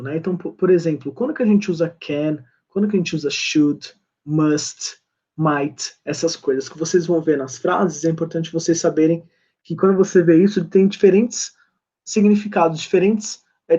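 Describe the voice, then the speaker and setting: Brazilian guy teaching basic english, husky kinda high voice, reads examples slow then translates. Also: warm tone, dull audio. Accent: Brazilian Portuguese. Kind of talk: online English class explanation.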